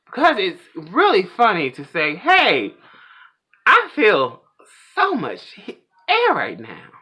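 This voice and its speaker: Lively, bright-voiced man ranting. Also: mid-range voice. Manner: animated, chatty and opinionated. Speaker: pop culture vlog host. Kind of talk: casual pop culture rant.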